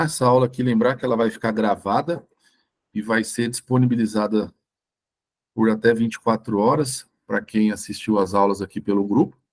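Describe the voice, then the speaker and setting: A hoarse man with a Brazilian Portuguese accent, a doctor giving a live online lecture in an informal way that keeps checking in with his listeners. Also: lowish voice. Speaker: doctor teaching a course.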